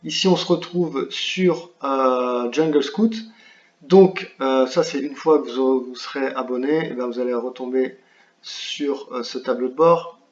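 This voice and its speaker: A man talks viewers through a software tool in a screen-share tutorial, halting often with fillers and restarts. His voice sits at a middle pitch. The recording sounds roomy and a bit dull. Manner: hesitant, many fillers and restarts; apologetic about his English pronunciation. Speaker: online business tutor.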